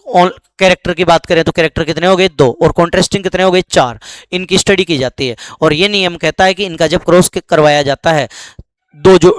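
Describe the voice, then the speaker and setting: A man teaching biology for an exam, walking through each step and answering his own questions as he goes. His voice sits fairly high and comes through smooth and clear, recorded close and dry. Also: no room sound. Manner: mixes English terms with Hindi equivalents. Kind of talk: exam-focused biology lesson.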